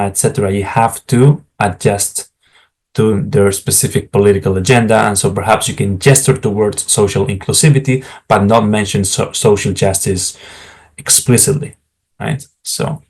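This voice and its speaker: Frank and explanatory, a middle-aged man from Spain, a native Spanish speaker with a Spanish accent, advises viewers on crafting academic job materials while working as a career advisor, with frequent asides to camera. His voice is lowish and slightly mellow.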